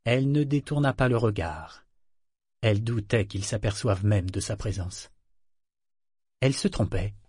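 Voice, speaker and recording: Measured male audiobook narrator, dry. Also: on the low side, a little mellow, slightly rough, dry recording. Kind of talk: scripted narration.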